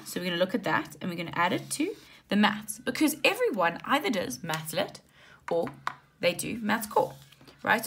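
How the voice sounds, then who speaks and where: A woman tutor talks through exam questions in an informal, instructive way. Her voice is husky and creaky, with a slight lisp, and her pitch moves in a lively way. She often adds short check-in tags as she goes step by step. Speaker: maths tutor.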